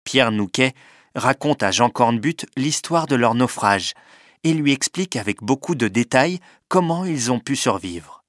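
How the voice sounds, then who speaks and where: Male storybook narrator, measured and clear, dry booth sound. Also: mid-range voice, fairly bright tone, dry recording. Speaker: audiobook narrator.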